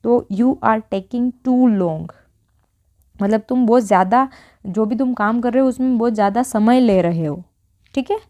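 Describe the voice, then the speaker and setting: A young woman teaching spoken English, who explains grammar step by step and repeats each English sentence slowly. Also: on the high side, mellow.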